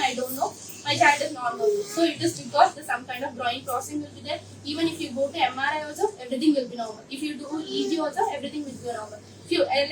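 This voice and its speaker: A woman with a South Indian accent explaining things to parents as a speech therapist, emphatic and repetitive, often posing questions and answering them. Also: high-pitched. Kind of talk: explanatory talk to a group of parents. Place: echoey room at a group session. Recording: echoey, noisy room, far from mic.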